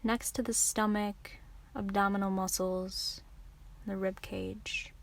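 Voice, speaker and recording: A woman teaching yoga takes listeners through a guided relaxation, her medium-pitched delivery flat and touched with vocal fry. She speaks soothingly and gently, never rushing.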